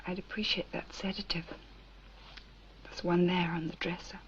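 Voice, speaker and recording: A woman's voice: on the low side, flat delivery, moderate pace, a little hiss or hum, close to an everyday voice. An actress playing an anxious young woman searching for her missing friend, asking urgent, pleading questions. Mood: whispering, shaken. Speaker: actress in a 1960s horror film. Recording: dull 1960s film soundtrack.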